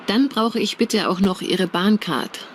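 Woman as official polite conductor, scripted dialogue, mid pitch, light background noise. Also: unhurried, lightly acted. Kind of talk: scripted exam listening dialogue.

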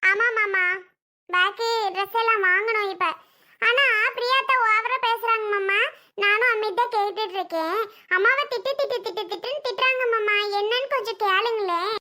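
A woman's voice: extremely high pitch, moderate pace, bright, forceful tone. A woman voicing a little girl who tattles and pleads with her uncle in a family skit. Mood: pleading. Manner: whiny, pleading.

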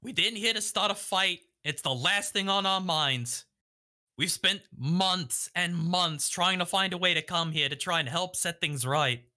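A man with a high, strikingly bright voice plays a tabletop game. He argues in character with earnest, defiant force. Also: a little slow. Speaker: tabletop role-playing player. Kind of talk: impassioned in-character argument.

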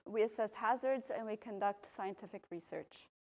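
A volcanologist from Belgium giving a public talk, a woman explaining at a podium microphone in a university lecture room, relaxed, with frequent ums. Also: medium pitch, moderate pace. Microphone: podium microphone, filmed from a far camera.

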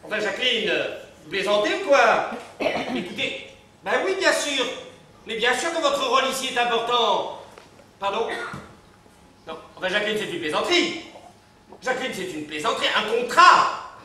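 Fussy, flustered servant type, played by an actor on a live stage; high bright voice in a distant hall. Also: male voice, animated, normal speed, pauses often, slight background noise, exaggerated voice. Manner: polite, fussy and exasperated on the telephone. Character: flustered, deferential male household employee. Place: theatre stage. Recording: echoey theatre stage from far off.

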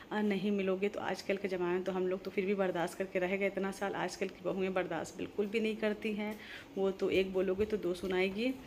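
A woman's voice: mid-range voice, a little mellow, slight background noise. Earnest pleading woman vlogger. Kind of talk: heartfelt monologue to camera.

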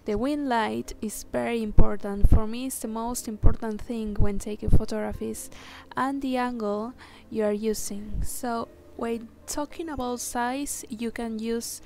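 A woman whose first language is Spanish, speaking with a Spanish accent, makes a screen-recorded software tutorial, giving slow, careful step-by-step instructions full of hesitant fillers. Her voice is a little high, steady in tone and creaky. It's a voice-over with music playing underneath.

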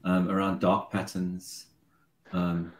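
A man's voice: low-pitched, monotone, slow pace. A man moderating an online Q&A, hesitantly reading out audience questions. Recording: roomy echo.

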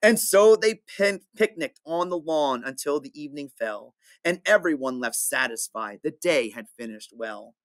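A man, a teacher, reading a rhyming picture book aloud with an expressive, sing-song delivery. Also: mid-range voice, moderate pace, few pauses.

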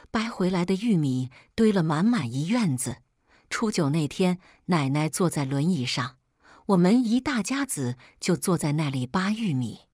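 A woman calmly narrating a family story in the first person, as a read-aloud storyteller. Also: lowish voice, no room sound, clean studio sound.

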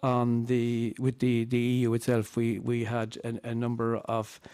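A middle-aged man with an Irish accent, giving a loosely spoken conference presentation in halting, repetitive phrases into a table microphone. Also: medium pitch, completely flat delivery, dark tone, clear, resonant tone, dry recording. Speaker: campaign speaker on a panel.

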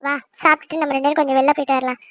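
A woman's voice: sits high, flat delivery, racing, fairly bright tone, no room sound. A woman voicing a teasing, chirpy big sister. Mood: caring. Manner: teasing and bossy. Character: young woman, teasing quick-tongued older sister. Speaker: daughter in a family cartoon. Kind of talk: cartoon voice acting.

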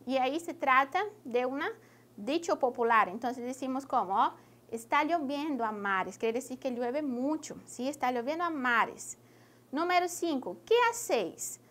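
A woman with a Brazilian Portuguese accent, a native Portuguese speaker, teaching a Spanish lesson slowly and checking understanding with a rising question. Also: high-pitched, a bit bright. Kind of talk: classroom lesson.

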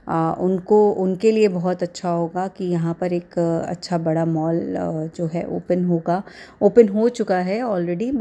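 A vlogger, a woman in her thirties with an Indian accent, narrates a casual vlog haltingly and hesitantly, repeating filler phrases. Her voice is fairly low in pitch and warm in tone.

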